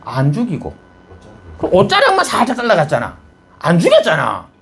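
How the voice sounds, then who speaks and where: A man's voice: high-pitched, wildly swooping pitch, normal speed, gravelly, fairly bright tone, slight background noise. A male pastor with a Gyeongsang Korean accent telling a Bible story in his sermon, firing rhetorical questions at the congregation.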